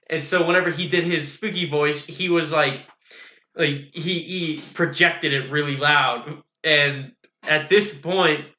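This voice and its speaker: A young man co-hosting a podcast, telling a story in animated, quick bursts. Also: a little high. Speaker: podcast co-host. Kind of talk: casual chat. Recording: roomy, dull lo-fi sound.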